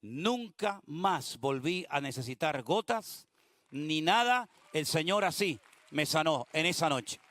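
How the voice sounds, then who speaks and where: Man, pastor, sermon; voice a little high, dry close recording, swings from hushed prayer to fervent preaching. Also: expressive, slow, dry recording. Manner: shifts between hushed prayerful tones and rising preaching fervor.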